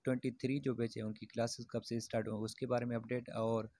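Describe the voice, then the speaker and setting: An education YouTuber talks informally to camera, giving his viewers plain updates on student admissions. He explains loosely, with plenty of fillers and restarts. His voice is warm and medium-pitched with little pitch movement, and he talks fast.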